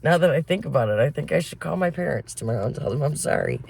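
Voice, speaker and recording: A woman's voice: deep voice, quick pace, vocal fry, slight background noise. A woman from Michigan co-hosting a casual podcast, telling stories with lots of swearing and laughter. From Flint, Michigan. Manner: profane, laughing, animated storyteller. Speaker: podcast co-host. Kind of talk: casual chat, storytelling.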